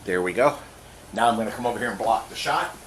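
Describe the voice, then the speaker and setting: Here a middle-aged home-cooking host talks fast in a lowish, expressive voice with a fairly bright tone. He's jokey and talkative, muttering to himself as he cooks in his kitchen. The distant microphone picks up a roomy sound along with clear background noise.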